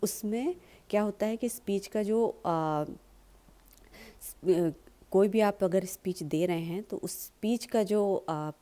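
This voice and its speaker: A woman with an Indian accent, explaining in a tutorial lesson and slowly stressing sample lines. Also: mid-range voice, mellow. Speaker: public speaking teacher.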